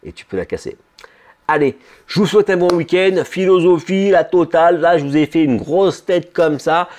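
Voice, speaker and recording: A man giving an informal motivational talk about his ice cream business, full of slang and constant "d'accord?" check-ins, acting out inner voices in low murmurs. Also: animated, moderate pace, darkish tone. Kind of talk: casual motivational talk to camera.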